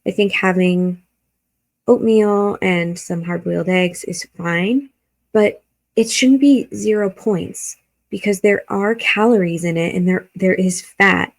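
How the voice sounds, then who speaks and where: A woman's voice: medium pitch, slow pace. A woman hosting a reaction video, giving blunt, critical commentary and swearing freely.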